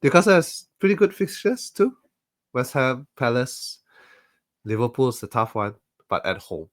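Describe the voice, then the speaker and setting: A man's voice: mid-range voice, very animated, a little slow. A man co-hosting a podcast in casual chat, sounding nasal and congested from a flu, laid-back and listing stats methodically. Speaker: podcast co-host.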